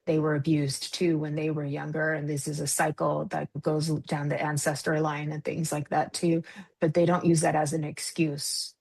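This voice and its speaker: A woman's voice: sits low, flat delivery, moderate pace, creaky, a little mellow, slightly rough. A woman, a psychic medium, talking earnestly as a guest on a podcast and laughing easily. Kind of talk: casual podcast conversation.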